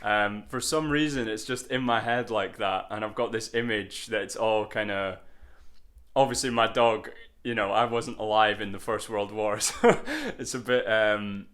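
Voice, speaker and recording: Brief: male songwriter vlogging, lowish voice, loose rambling delivery, filler-heavy. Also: steady tone, moderate pace, a bit bright. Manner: loose and rambling, with filler words and tag questions. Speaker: songwriter sharing album progress. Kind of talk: casual vlog talk.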